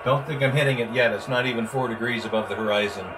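Here a sixty-something vlogger and amateur radio operator chats quickly in a mid-range voice, his intonation fairly even. He explains things casually and makes radio call-outs in his small home office. The recording comes from a camera some distance away in a noisy room.

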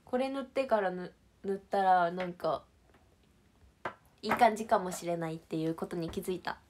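A woman's voice: fairly low pitch, moderate pace, background noise. A young woman from Shizuoka, Japan, hosting a casual livestream and chatting with viewers in a bubbly, playful, giggly way. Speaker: idol livestream host. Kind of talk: casual livestream chat reading comments.

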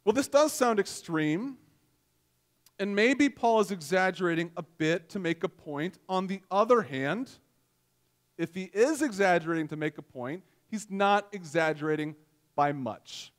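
A man's voice: high-pitched, lively intonation, a little slow. A man in his forties, a pastor, preaching a sermon on a church stage into a headset mic, in a conversational, self-deprecating storytelling way.

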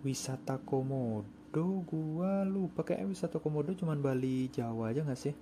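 A man's voice: on the high side, expressive, normal speed, warm tone, a little hiss or hum. A young man chatting casually in slang while he plays a bus driving game, hosting his own gaming channel.

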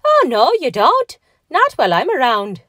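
A woman's voice: a little high, wildly swooping pitch, normal speed, breathy edge, no echo, studio quality, pitched above the performer's own voice, exaggerated voice. A woman voicing a proud, indignant little man of the fairy folk in a storybook, scolding in formal old-fashioned phrases. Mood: furious.

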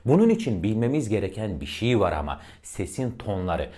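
A man giving a lesson on intonation, addressing his listeners as friends and demonstrating each example by swinging between deep and high tones. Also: very animated, a little fast, mellow. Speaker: voice and diction teacher.

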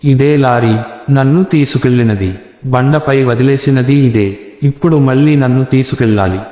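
A man voicing a vengeful, bloodied female ghost who makes slow, insistent demands in a horror story. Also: mid-range voice, dark tone, natural voice. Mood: demanding. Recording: roomy with long reverb.

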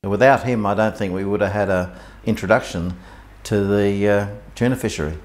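Low-voiced man recounting fishing history. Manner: informal, halting with fillers. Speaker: interviewee. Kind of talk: oral history recollection.

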